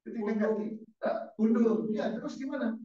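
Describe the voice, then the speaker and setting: A man's voice: extremely high pitch, animated, moderate pace, noisy background. A male pastor giving a casual, interactive sermon and quizzing his congregation with questions. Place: church service. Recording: echoey church hall, distant dull mic.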